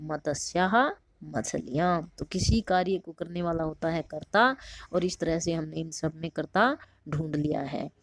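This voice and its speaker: A woman teacher with a low-pitched voice patiently works through a textbook lesson at a slightly slow pace, posing questions and answering them herself. The recording has no room sound.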